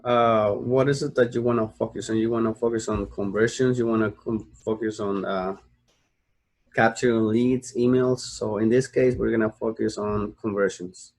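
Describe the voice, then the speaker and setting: Low-pitched and somewhat dark, this young US man's voice holds a steady tone at normal speed. He's a sleepy online marketing tutor explaining a screen recording, rambling with restarts and fillers while checking in with "okay?"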